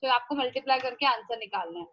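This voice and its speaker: Female online maths teacher, North Indian accent, high pitch, explains step by step and asks check questions, muffled lo-fi call sound. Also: very fast, gravelly. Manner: instructive, frequently checking understanding with questions. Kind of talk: online class lesson, mixing Hindi and English. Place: live online class call. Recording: dull lo-fi online class audio.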